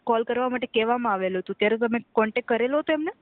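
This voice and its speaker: Speaking as a customer care agent over a tinny telephone line, a woman keeps to polite, scripted service talk, staying formal and courteous and frequently confirming the caller agrees. She has a slightly high, expressive voice and a rapid-fire pace.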